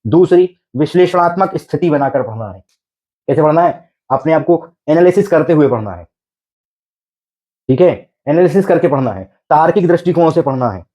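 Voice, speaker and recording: A man's voice: on the high side, expressive, normal speed, lo-fi sound. A man teaching an exam preparation class, coaxing his students with repeated rhetorical questions and frequent check-ins. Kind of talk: exam coaching lecture.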